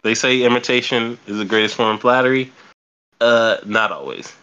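A man's voice: medium pitch, moderate pace, sharp tone, clear, resonant tone, lo-fi sound. A young man hosting a podcast, chatting casually and bluntly, swearing and repeating words as he thinks. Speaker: podcast host. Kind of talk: casual chat.

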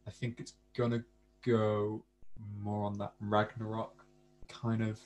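A man with a low voice chats casually as a podcast co-host. He talks hesitantly and keeps restarting his sentences. A faint hiss sits behind him. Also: monotone, slow pace, a little mellow. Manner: hesitant, repeats starts with "I think". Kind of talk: casual chat.

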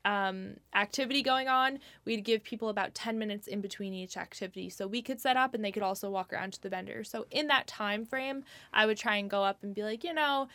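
A woman's voice: medium pitch, fairly bright tone, no room sound. A young woman, chatting casually as a guest about community events, full of fillers and "like". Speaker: guest, nonprofit organizer. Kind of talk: casual interview talk.

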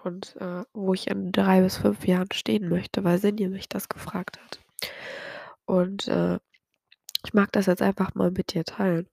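A young woman hosting a podcast, talking softly and partly whispering late at night, teary and hesitant with a dry throat. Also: medium pitch, little pitch movement, a little slow, creaky, breathy edge, no echo. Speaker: podcast host. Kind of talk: personal late-night confessional monologue.

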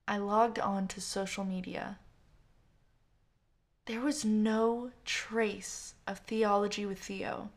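A woman narrates a first-person story at a slow, deliberate pace. Her voice sits at a medium pitch, soft and measured, with a calm audiobook delivery. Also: gravelly.

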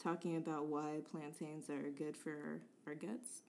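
Slow-talking chatty woman co-host. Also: sits low, level tone, darkish tone. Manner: chatty, laughs often, playful emphasis. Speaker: podcast co-host. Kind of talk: casual chat.

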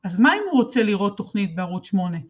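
Expressive woman reading a children's book. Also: mid-range voice. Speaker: storybook reader. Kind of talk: first-person children's book narration.

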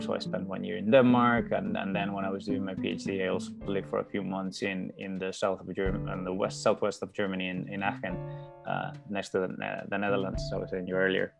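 A man in his thirties with a Spanish accent, talking as a podcast guest in a low, gravelly voice. He chats casually and restarts his sentences often, with music playing behind him. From Spain. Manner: talkative, many restarts and fillers. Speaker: podcast guest, tech company co-founder. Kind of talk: casual interview talk.

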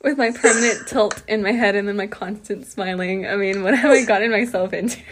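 A young woman chatting casually with a friend, soft-spoken and laughing often. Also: medium pitch, fairly quick, background noise. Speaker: guest friend. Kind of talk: casual chat.

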